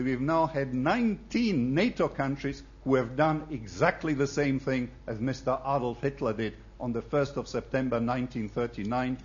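A man from the audience making a forceful, argumentative point at a public debate. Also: mid-range voice, dull audio. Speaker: audience member asking a question. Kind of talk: public debate floor question.

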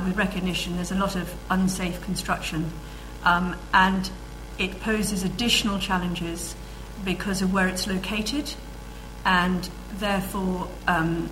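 Woman answering questions with measured pauses. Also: medium pitch, pushed and bright, a little hiss or hum, rough recording. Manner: measured, with frequent ums and restarts. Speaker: guest speaker. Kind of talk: answering audience questions at a lecture.

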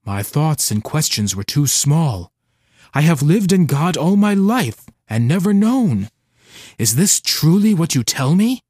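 A man voicing a shy, gentle, philosophical male octopus in a storybook reading, speaking softly and formally in a low, dark-toned voice. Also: a little slow, breathy edge, no echo, clean studio sound, heavily acted. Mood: wondering. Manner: soft-spoken, formal and calm.

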